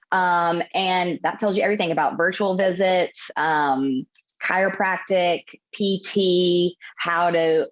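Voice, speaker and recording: A woman in her thirties, a physical therapist guest, explaining methodically in a casual interview chat. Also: fairly low pitch. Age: 30s. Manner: explains methodically in long runs. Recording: dull lo-fi audio.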